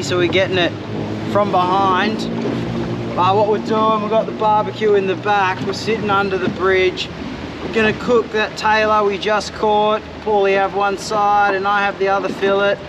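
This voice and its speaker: An Australian man vlogging from a small boat on a windy river, talking in a laid-back, slangy way with sudden loud whoops. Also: high voice, level tone, unhurried. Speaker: fishing vlogger. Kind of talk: casual outdoor vlog narration.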